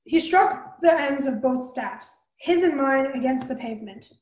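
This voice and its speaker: A woman reading a fantasy novel aloud as a storyteller, brisk, with small slips and restarts. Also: high-pitched, expressive, a little mellow, echoey room, low-quality recording.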